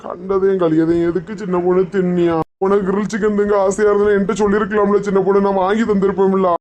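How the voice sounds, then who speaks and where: A man's voice: high-pitched, little pitch movement, fast, darkish tone, dull audio, a little hiss or hum, lightly acted. Man playing a fawning, coaxing young man. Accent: Kanyakumari Tamil. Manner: coaxing, pleading.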